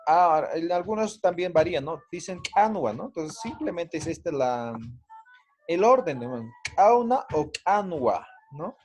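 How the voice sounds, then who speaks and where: A man's voice: on the high side, lively intonation, measured pace, faint music behind. A man teaching an online language class, explaining patiently and checking in with tag questions.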